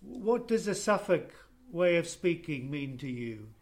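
Slightly high-voiced male interviewer. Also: big pitch swings, measured pace. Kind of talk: gentle conversational interviewing.

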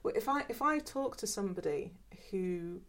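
A woman from England in her fifties, formerly an archive worker, has a medium-pitched, slightly bright voice with lively intonation and a moderate pace. In this oral history interview she speaks hesitantly, often repeating words, in a mixed, largely southern English accent.

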